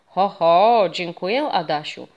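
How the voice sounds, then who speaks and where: A woman's voice: on the low side, expressive, takes it slowly, dull audio. A woman voicing a friendly old castle ghost. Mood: mysterious. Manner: mysterious, proud, warm storytelling.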